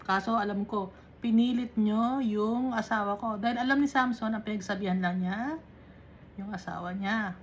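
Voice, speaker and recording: A woman with a mid-range voice teaches a Bible study, slowly reading verses and then explaining them, often checking in with small tag questions. The recording has the highs cut off and slight background noise.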